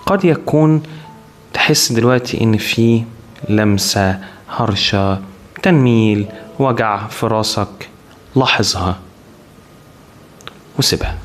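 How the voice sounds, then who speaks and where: A man with an Egyptian accent guiding a meditation in a soothing, calm, unhurried manner, leaving long pauses between short instructions. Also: fairly low pitch. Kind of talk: guided body scan meditation. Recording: music behind the voice. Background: clear background music.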